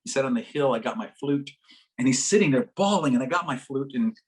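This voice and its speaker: A man giving a workshop talk to a live audience, animated and expressive as he tells his story. His voice sits in a middle pitch, and he breaks into laughter and acted-out voices along the way. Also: fairly quick. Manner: animated, acts out quoted voices with big pitch jumps; laughs as he talks. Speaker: workshop presenter. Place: conference workshop session.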